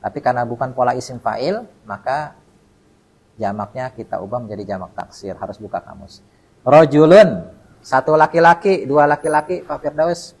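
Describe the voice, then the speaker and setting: A man with an animated, mid-range voice teaches Arabic grammar at a mosque study session, calling on students by name and trailing off mid-word so the class completes it, in a call-and-response classroom lecture. He talks at normal speed, sounding a little mellow and slightly rough, in a low-quality recording.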